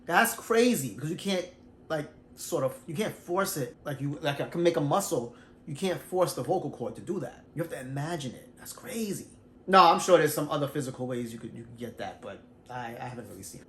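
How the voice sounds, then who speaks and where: Middle-aged male vlogger, lively casual teacher, fairly high voice, echoey room. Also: a little hiss or hum. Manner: animated, self-described shy introvert, loose and conversational. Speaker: vlogger sharing singing tips. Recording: roomy echo.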